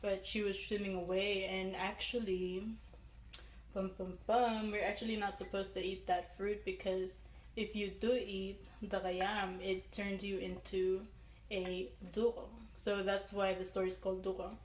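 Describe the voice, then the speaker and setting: Young woman from Palau, medium pitch, casual storytelling, halting and rambling, roomy echo, some background noise. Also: little pitch movement. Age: young adult. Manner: halting, rambling, self-correcting delivery. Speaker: mukbang vlogger telling a folk legend. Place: small room indoors, seated at a table.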